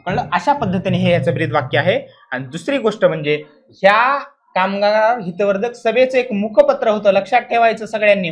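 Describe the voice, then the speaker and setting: In a high voice, a man teaches an exam coaching lesson with emphatic explanations. He returns again and again to key points and often tests whether students follow by posing rhetorical questions.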